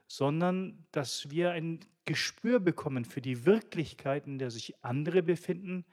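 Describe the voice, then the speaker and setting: Measured, reflective man from Swabia. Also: on the high side. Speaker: radio co-host. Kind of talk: radio discussion.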